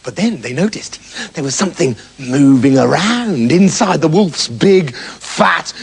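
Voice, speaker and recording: A man's voice: on the high side, lively intonation, a little slow, gravelly, husky. A man telling a fairy tale with comic, mock-dramatic asides. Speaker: storyteller.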